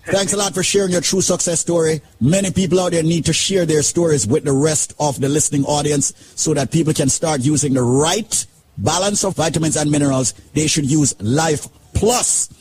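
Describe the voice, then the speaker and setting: A man's voice: fairly high pitch, moderate pace, a little mellow, a little hiss or hum. A man hosting a radio talk show, upbeat and persuasive with a sing-song lilt. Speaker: radio host.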